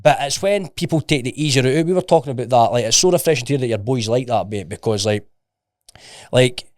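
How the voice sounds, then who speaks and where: A man's voice: medium pitch, fairly quick. A man, a podcast guest talking emphatically in casual chat and swearing freely. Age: 30s.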